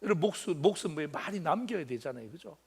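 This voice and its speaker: A man in his fifties, a pastor preaching a sermon in a joking, animated way, swinging from loud exclamations to quiet asides. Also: on the high side, fast talker, breathy edge. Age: 50s.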